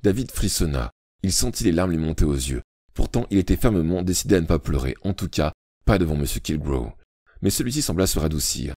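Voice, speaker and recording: A man reading an audiobook aloud with expressive, dramatic storytelling narration. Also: low-pitched, fairly quick, dry recording, studio quality.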